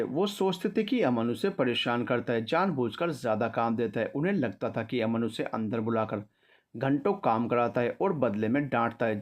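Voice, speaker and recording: A man narrating a scripted story in a steady, even storytelling manner. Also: mid-range voice.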